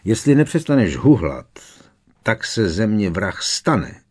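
A man's voice: fairly low pitch, expressive. A man voicing an irritable, scornful grown man who talks sharply and impatiently, in an audiobook.

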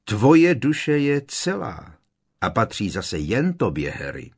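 A man voicing a kindly old male wizard headmaster who speaks slowly and gently in an audiobook. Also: on the low side, wildly swooping pitch, husky, voice pushed up, full character voice. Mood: gently insistent. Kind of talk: audiobook character voice.

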